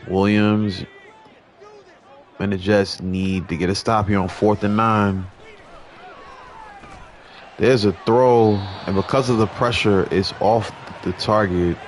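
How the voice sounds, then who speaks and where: A young man giving relaxed, conversational play-by-play commentary over a football video game. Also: on the low side, slow pace, pauses often, slight background noise. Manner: relaxed, conversational, mild restarts. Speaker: gaming commentator.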